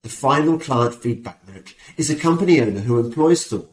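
An English podcast host reads an advert and chats casually, his manner jokey and sarcastic. His mid-range voice is animated and a little fast, and the recording has a roomy echo.

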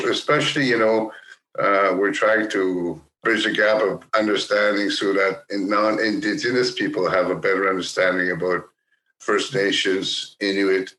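A man hosting a conversational podcast interview, phrasing his questions haltingly and rewording as he goes. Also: deep voice, pushed and bright. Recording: roomy, echoing sound.

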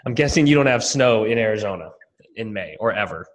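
A man's voice: fairly low pitch, lively intonation, fairly quick. A man hosting a casual interview in an informal, agreeable way, often affirming his guest. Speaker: interview host.

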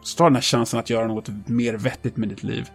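A man playing a cold, grim male vigilante who threatens in a calm, controlled, menacing way. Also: mid-range voice, creaky, soft background music, natural voice. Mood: cold warning.

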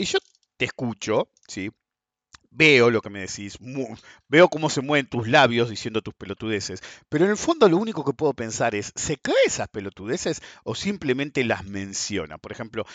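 A man's voice: mid-range voice, dry recording. A man in his fifties with an Argentine accent, hosting a podcast and giving a blunt, sarcastic, swear-laden monologue. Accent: Argentine Spanish (Rioplatense). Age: 50s. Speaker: podcast host. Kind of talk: opinionated monologue.

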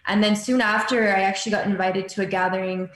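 A woman's voice: medium pitch, flat delivery, quick pace. Woman podcast guest chatting casually, echoey room, bit of background noise, loose hedging way of talking. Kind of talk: casual interview storytelling. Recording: roomy echo with background noise.

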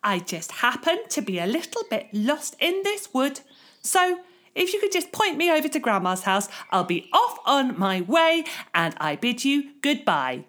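A woman's voice: sits high, sing-song, measured pace, a bit bright, voice pushed up, exaggerated voice. Woman doing a prim, bold little girl. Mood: indignant.

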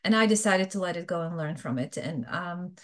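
A woman's voice: on the low side, lively intonation, fairly quick. A middle-aged woman from Bosnia with a Bosnian accent, speaking frankly and chattily as an interview guest. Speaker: guest, fraud professional. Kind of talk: casual interview talk.

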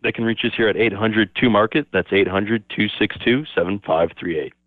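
A man speaking over the phone as a market analyst guest, giving steady, explanatory commentary and opening his answers with "yeah, so". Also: fairly low pitch, a little fast, dry recording. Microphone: telephone. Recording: tinny phone line, dry.

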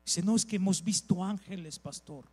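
A man, a pastor preaching a sermon with lively storytelling, repeated phrases and asides to the congregation. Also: sits high, normal speed, husky, big-room sound.

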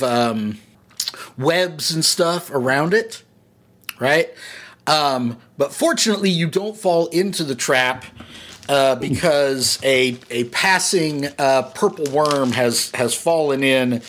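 Slow-talking man running a tabletop game. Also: medium pitch. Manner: relaxed, rambling narration with many fillers. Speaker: game master.

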